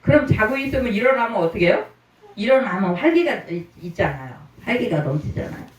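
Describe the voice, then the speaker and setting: A man's voice: high voice, sing-song, quick pace. A male pastor delivering a sermon in a reverberant church sanctuary, heard from a distance. He retells the story and keeps turning to the congregation with rhetorical questions. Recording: roomy church, mic at a distance.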